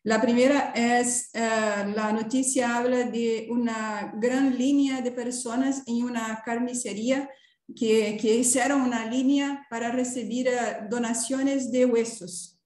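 Slow Brazilian-accented woman, roomy sound. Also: on the high side, steady tone, darkish tone. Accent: Brazilian Portuguese. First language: Portuguese. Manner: hesitant, searching for words. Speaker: academic presenter. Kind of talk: seminar presentation. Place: indoor room. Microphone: video call. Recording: roomy, echoing video call.

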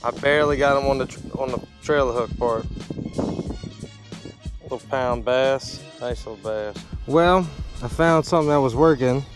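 A man's voice: mid-range voice, normal speed. Man, thirties, casual fishing vlog, rambling, action camera outdoors, windy lakeshore, music underneath. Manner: laid-back, rambling, talks to himself while casting. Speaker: fishing vlogger. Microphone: action camera, head-mounted and handheld.

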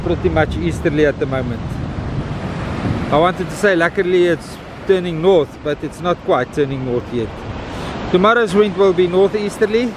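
Noisy wind on the recording, South African man, high voice, casual beach vlog narration, informal, repeats phrases. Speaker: vlogger filming a morning beach walk. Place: outdoors on a windy beach. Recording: outdoor recording with loud wind noise. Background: wind and outdoor ambience.

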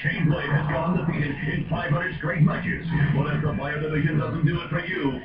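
A man's voice: steady tone, moderate pace, far from the mic, lightly acted. An actor playing a brash male announcer hyping gladiator fights in a hard-sell game advert. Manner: loud hard-sell pitch. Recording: dull game audio, echoey, loud music.

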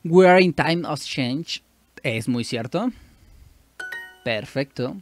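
A man's voice: on the high side, animated, takes it slowly, soft background music. A man with a Mexican Spanish accent giving casual commentary while he practises with a language app, chatty and correcting himself as he goes. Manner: chatty, self-correcting, thinks aloud. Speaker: YouTuber doing language practice.

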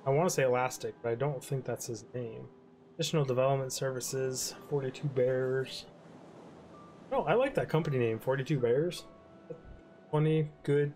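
A man's voice: medium pitch, a little mellow. A young man hosting a gaming channel, chatting loosely and rambling while game credits roll, his talk trailing off now and then. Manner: laid-back, rambling, yawning, trails off. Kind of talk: rambling let's-play commentary over credits.

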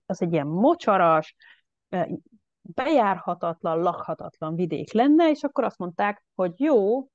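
A woman giving a casual online lecture, chatty and animated, with many fillers. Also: lowish voice, dry recording. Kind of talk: online presentation. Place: at home. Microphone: video call. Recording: dull lo-fi video call audio.

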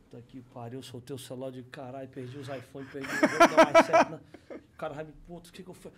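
A young man with a Ceará accent, a comedian telling an anecdote on a podcast in casual, animated style, acting out the voices of others. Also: mid-range voice, quick pace, noisy background. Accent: Northeastern Brazilian, Ceará. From Ceará, Brazil. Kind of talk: casual storytelling. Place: podcast studio.

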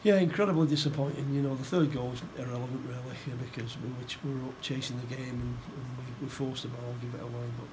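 A middle-aged football manager giving a post-match interview, plain-spoken and halting, often repeating his words. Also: mid-range voice, steady tone, very noisy. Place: indoor room by a stadium door.

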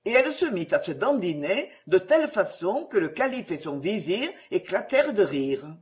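A storybook narrator reading a fairy tale aloud. The reading is expressive, and the pitch moves a lot, with a middle-pitched voice. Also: moderate pace.

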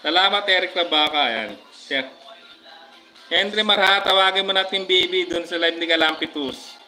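Bright-voiced Filipino man doing live shoutouts. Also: sits high, normal speed, soft background music, low-quality recording. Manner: frequent fillers, shoutouts to viewers. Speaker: livestream vlogger. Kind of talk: casual live-stream chat.

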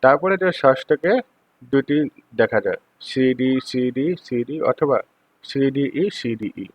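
A man with a Bangladeshi accent giving a lecture, reading English phrases slowly and then explaining them more quickly. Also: medium pitch, animated. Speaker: teacher. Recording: dull lo-fi dry recording.

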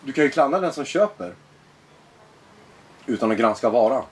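A man being interviewed as a guest, talking in a blunt, animated, profane way. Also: mid-range voice, a little hiss or hum. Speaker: guest, former extremist. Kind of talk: personal interview conversation.

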